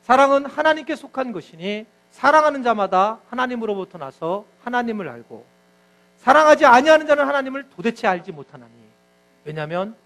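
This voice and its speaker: High-voiced male pastor preaching. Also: brisk. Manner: animated storytelling, acts out quotes. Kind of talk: sermon.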